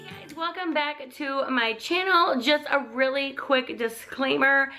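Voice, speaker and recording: A young female vlogger, still recovering from laryngitis and sounding slightly crackly, gushes casually about a shopping haul with lots of likes and ums. Her voice sits high, her pace is measured, and music plays in the background.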